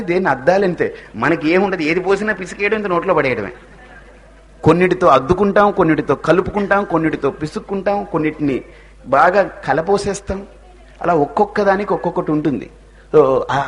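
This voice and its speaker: A man's voice: fairly high pitch, slightly rough. A man giving a spiritual discourse, telling stories with rhetorical questions and rising emphasis. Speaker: religious speaker.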